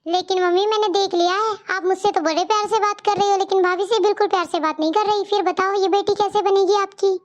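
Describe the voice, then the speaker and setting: A kind young sister-in-law from a cartoon story, voiced by a woman, who is always trying to make peace. She has a gentle, soothing way of talking. Her voice is very high and squeaky. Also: fairly even intonation, fast talker, hardly any pauses, highs cut off.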